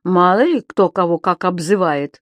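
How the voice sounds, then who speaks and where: A woman voicing a cheeky, indignant little male magic creature who shouts and teases in a high, squeaky voice. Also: lively intonation, normal speed, no room sound, lo-fi sound, close to an everyday voice. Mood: indignant shouting. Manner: shouting, squeaky, singsong teasing.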